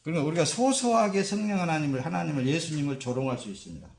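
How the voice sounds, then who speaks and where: A male pastor delivering a sermon with a gravelly, fry-tinged voice that swings widely in pitch. He preaches emphatically, acting out quoted voices as he goes. The recording carries the roomy echo of a church hall. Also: lively intonation, very fast. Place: church sanctuary.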